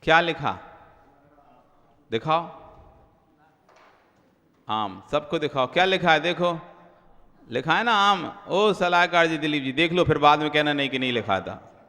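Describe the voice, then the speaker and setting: Male monk preacher, high-pitched, slow and deliberate, sermon style, long echoing hall. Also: expressive, bright, forceful tone. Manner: chants scripture verses slowly, then explains with questions to the audience; acts out everyday quoted remarks in a lower voice.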